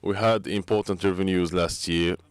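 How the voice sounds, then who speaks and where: A man working as a conference interpreter, giving a live interpretation in halting, phrase-by-phrase delivery. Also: low voice, fairly even intonation, clean tone.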